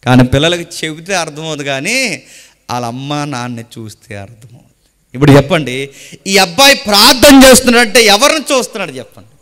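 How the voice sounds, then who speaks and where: A man preaching a sermon to a gathering, swinging between loud emphatic questions and hushed low asides. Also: animated, fairly quick, big-room sound. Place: large meeting hall with a congregation.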